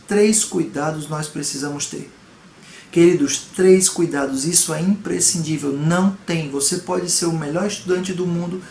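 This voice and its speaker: A Brazilian pastor preaches a home video sermon with earnest, emphatic delivery, often posing rhetorical questions. His voice sits a bit high for a man. The room is echoey, with faint noise behind. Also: gravelly, a little mellow. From Salvador, Brazil.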